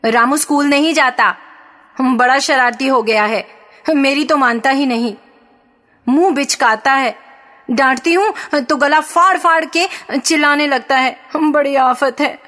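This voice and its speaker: A shrill, nagging village mother, as a woman narrator puts her on, pitched higher and always complaining about her unruly children. She sounds fed up and scolding. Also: measured pace, a bit bright, long reverb tail. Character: nagging exasperated farmer's wife, a mother.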